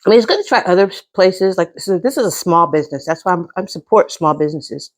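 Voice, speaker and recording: A middle-aged American woman with a fairly low voice talks casually to her viewers during a meal. She speaks between bites while eating and savors the food with small mms. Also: lively intonation, quick pace. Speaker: mukbang host.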